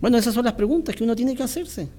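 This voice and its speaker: A man preaching a sermon in a church, reading scripture aloud and then explaining it slowly, with pauses and restarts. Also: extremely high pitch, warm tone. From Chile.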